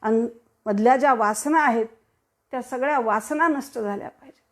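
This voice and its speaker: High-voiced woman preaching with fervor. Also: moderate pace. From Maharashtra. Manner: rhetorical, declaiming with sudden swells. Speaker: kirtan preacher. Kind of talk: devotional discourse.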